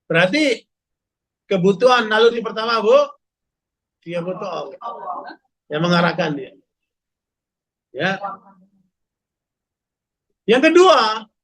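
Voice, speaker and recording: A man preaching to a women's study group, animated and full of rhetorical questions, often calling out to his listeners. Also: high voice, slow, pauses often. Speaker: Islamic preacher.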